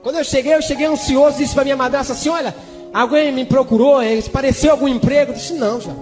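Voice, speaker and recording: A man's voice: very high voice, steady tone, fast talker. A man giving a fervent testimony sermon in a sing-song preaching manner, with bursts of praise. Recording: long hall reverb with music behind.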